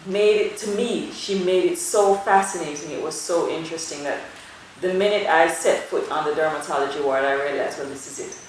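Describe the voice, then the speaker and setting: A middle-aged woman from Jamaica who works as a dermatologist takes interview questions in a low voice, thoughtful and measured, with pauses on fillers. The audio carries heavy echo and a faint ambient hum.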